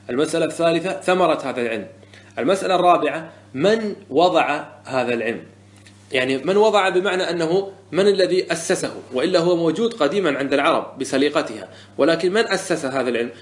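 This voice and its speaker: A man with a slightly higher voice teaches a grammar lesson. He quizzes the class and often answers his own questions. He repeats key terms and points out common mistakes. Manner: asks the class questions and answers them himself. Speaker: teacher of Arabic morphology.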